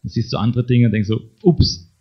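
A man's voice: medium pitch, moderate pace, slightly rough. A middle-aged man preaching a conversational sermon, speaking straight to his listeners and ending many sentences with a questioning tag. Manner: talks to the congregation directly, tags sentences with a questioning "ne?". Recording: dull lo-fi sermon recording.

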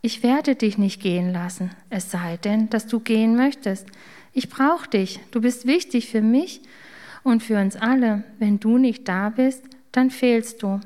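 A woman voicing a kind male master baker who speaks tenderly and slowly in a spoken storybook. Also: fairly high pitch, dark tone, lightly acted. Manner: tender, reassuring, slow.

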